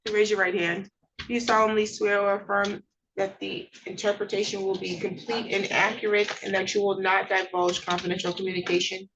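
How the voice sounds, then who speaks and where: A woman presiding as judge, speaking in a measured, procedural way, heard on a courtroom audio recording. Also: mid-range voice, level tone, highs cut off, background noise.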